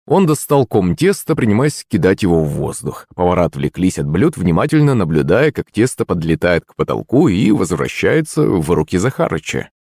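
A man narrating a comic story in an expressive, lively storytelling manner. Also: low-pitched, normal speed, hardly any pauses, breathy edge, dry recording, studio quality. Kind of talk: audiobook narration.

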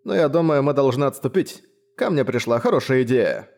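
A man doing a hoarse, sardonic voice. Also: medium pitch, lively intonation, brisk, a little mellow. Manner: dry, mocking, grumbling. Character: hoarse, sardonic male companion voice, blunt and practical. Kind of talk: audiobook reading.

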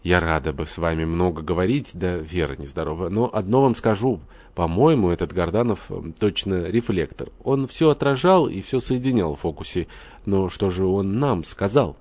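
A man's voice: sits low, expressive, darkish tone, no room sound. A man reading a composed, shrewd general's wife who questions people carefully. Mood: probing. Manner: measured, probing.

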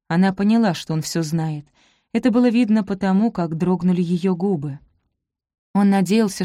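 A woman narrating a romance novel in a measured, expressive reading voice. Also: fairly low pitch, no room sound, clean studio sound. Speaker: audiobook narrator.

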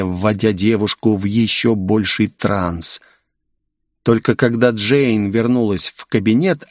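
A man narrating a first-person audiobook in a calm, sly manner. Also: fairly low pitch, no room sound, studio quality.

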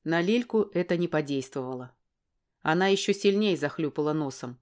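Low-voiced woman narrating an audiobook. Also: expressive, brisk, a little mellow. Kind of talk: first-person audiobook narration.

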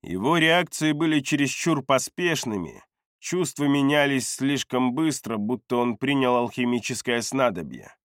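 A man narrating a first-person fantasy audiobook in a steady, measured manner. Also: medium pitch, no room sound, studio quality.

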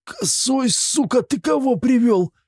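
A man voicing a vicious, then servile, bandit sorcerer who rasps and shouts. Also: fairly low pitch, animated, a little slow, dry recording, clean studio sound. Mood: furious shouting. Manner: hoarse rasping shouts.

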